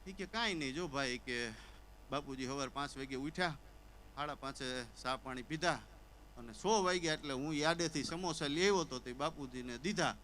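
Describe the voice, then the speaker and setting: A man's voice: mid-range voice, moderate pace, slight background noise, poor audio. A man telling a comic story on stage, acting out characters with stammers and sobs. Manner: animated, acts out characters with stammers and sobbing. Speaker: stand-up comedian. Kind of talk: Gujarati folk comedy storytelling on stage.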